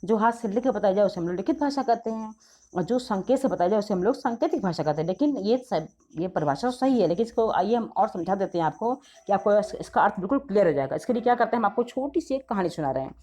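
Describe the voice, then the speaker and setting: A middle-aged woman teaching young schoolchildren, talking briskly in a soft, mellow voice. She is patient, calls her pupils "beta" like a fond teacher, and goes over each point again and again. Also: mid-range voice, animated. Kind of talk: explaining grammar to schoolchildren.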